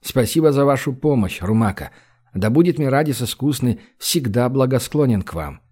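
A man's voice: medium pitch, animated, a little mellow, breathy edge. A man doing a cool, ruthless shaman. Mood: calm. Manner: cool, dry, unhurried menace. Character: calm, cold, ruthless male shaman.

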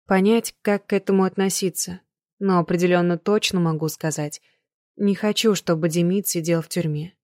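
A woman narrates a novel in a measured, dramatic reading. Her voice is somewhat low, and the recording is dry and close, with no echo. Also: mellow. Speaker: audiobook reader. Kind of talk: scripted narration.

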